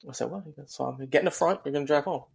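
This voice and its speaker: A man's voice: fairly high pitch, very fast, vocal fry, slightly rough. A man hosting a podcast, trading a laid-back story of his own start as a firefighter. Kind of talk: casual conversation.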